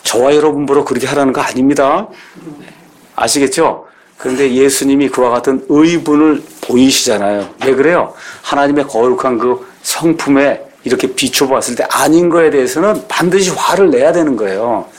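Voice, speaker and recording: A man's voice: medium pitch, moderate pace. A middle-aged man preaching a sermon as a pastor, speaking conversationally and putting rhetorical questions to the congregation.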